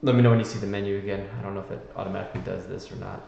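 A man's voice: low voice, fairly even intonation, rapid-fire, creaky, warm tone. A man setting up a livestream who sounds like he is in a cave, chatting casually and muttering to himself while troubleshooting. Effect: cave echo. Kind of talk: casual chat while fiddling with stream settings. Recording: cavernous echoey dull lo-fi mic, faint background noise.

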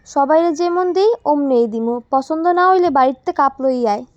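A woman voicing a grumpy middle-aged male tea-stall keeper who scolds in rough. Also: high voice, a little slow, darkish tone, no echo, lo-fi sound. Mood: annoyed.

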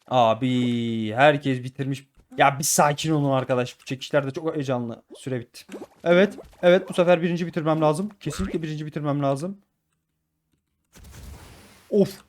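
Viewers hear a YouTuber whose voice runs a little high, narrating his game live with plenty of excitement. He chats to them as pals, and words tumble out in repeated bursts.

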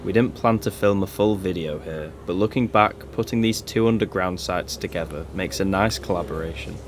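Low-voiced man narrating an exploration vlog. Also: noisy background. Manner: calm, measured storytelling. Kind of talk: scripted documentary voice-over. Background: background music.

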